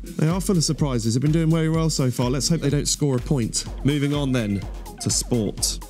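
British game show prize announcer, higher-pitched male. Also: normal speed, a little mellow, soft background music. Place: studio stage with music behind.

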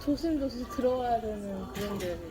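A woman's voice: fairly high pitch, normal speed. A young woman vlogger chatting casually with fellow travelers, laughing easily. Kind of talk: casual chat.

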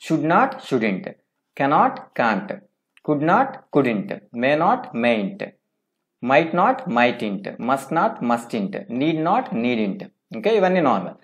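A man teaching English grammar in a step-by-step lecture, reading out English forms slowly and often checking with "okay?". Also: medium pitch, huge pitch swings. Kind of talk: classroom lecture.

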